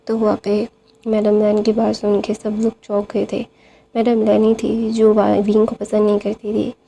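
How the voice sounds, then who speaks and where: A woman retells a fan-fiction plot in a loose, chatty way, full of small fillers. Her voice is mellow and gravelly, with a flat, level pitch. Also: slight background noise. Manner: loose, with many fillers and "then there" links. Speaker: storyteller.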